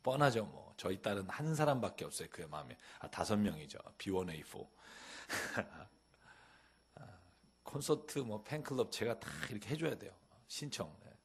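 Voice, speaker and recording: Husky, animated Korean pastor preaching. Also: male voice, lowish voice, normal speed. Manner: animated preaching, acting out quoted questions and daughter's lines. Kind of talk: sermon. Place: church sanctuary.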